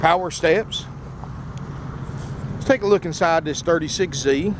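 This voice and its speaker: Slightly slurring higher-voiced salesman, numb from dentist. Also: measured pace. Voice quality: slightly slurred speech from a numb mouth after dental work. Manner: folksy, often addresses viewers as "folks". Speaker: RV salesman presenting a used motorhome. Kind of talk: casual sales walkaround video pitch. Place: outdoors at an RV lot, then inside the motorhome. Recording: noisy outdoor handheld video, engine rumble. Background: running generator and air conditioners.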